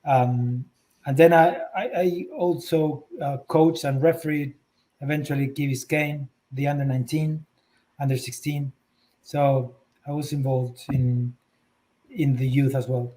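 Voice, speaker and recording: Argentine-born man, mellow measured voice. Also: mid-range voice, steady tone, low-quality recording. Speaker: guest, rugby club executive. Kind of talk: casual interview talk.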